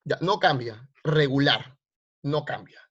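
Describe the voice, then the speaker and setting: A man's voice: medium pitch, slow, fairly bright tone, husky. A male teacher, teaching grammar online and quizzing his students with repeated questions. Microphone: video call. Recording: lo-fi online class audio.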